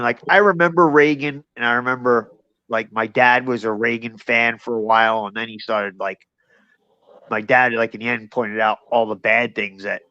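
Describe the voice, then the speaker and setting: A man's voice: lowish voice, sharp tone, no room sound. A man rambles through his opinion in a casual online debate, admitting he doesn't know much. His voice comes through a dull, dry mic with no room sound. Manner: rambling, unsure.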